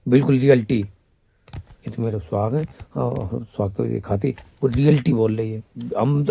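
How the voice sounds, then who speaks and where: A devotional guru with a medium-pitched, creaky, mellow, slightly rough voice gives a rambling spiritual talk. Between teachings he scolds and mocks his listeners, and he refers to himself as a female companion of the goddess.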